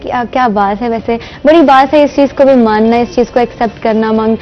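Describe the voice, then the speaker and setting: Young woman host, higher voice, muffled. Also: fairly even intonation, a little fast. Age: young adult. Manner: attentive, mixes English phrases, frequent affirming murmurs. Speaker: morning show host. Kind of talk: interviewing a guest. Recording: dull, muffled TV broadcast audio with faint music.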